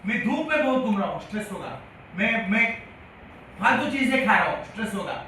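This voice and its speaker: Bright high-pitched guy teaching a health class, keeps asking the crowd questions, recorded from far off in a big echoey room. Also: big pitch swings, brisk. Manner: repetitive, quizzes the audience. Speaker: health lecturer. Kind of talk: classroom-style lecture. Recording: echoey hall from far off, faint hiss.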